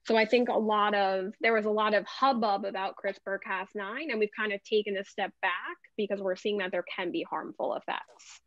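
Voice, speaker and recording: A woman guest speaker patiently explaining genetics to patients on a video call, friendly and quick to laugh. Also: mid-range voice, steady tone, no echo. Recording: dull, dry video-call audio.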